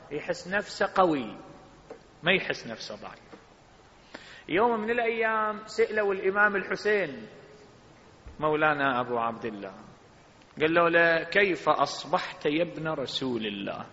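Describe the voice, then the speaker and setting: Impassioned Iraqi preacher in a reverberant hall. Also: male voice, on the high side, expressive, normal speed, long pauses, pushed and bright. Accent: Iraqi Arabic. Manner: impassioned, reciting scripture with rising emphasis. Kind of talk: sermon. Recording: dull lo-fi sound with long hall reverb.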